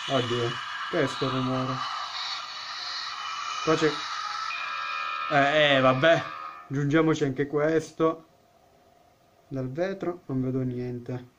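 This man's mid-range voice moves slowly, with long pauses, over a noisy background. He is a gaming YouTuber narrating a horror let's-play, joking around, addressing the characters and yelping in surprise.

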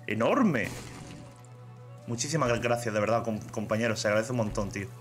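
A man's voice: lowish voice, brisk, faint music behind. A man with a Spanish accent chatting casually on a live stream, reading chat aloud and saying "tío" a lot.

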